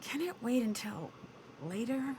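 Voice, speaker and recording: An actress voicing a young skeptical woman detective who answers calmly and with dry humor. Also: a little high, unhurried, slight background noise. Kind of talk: video game voice acting.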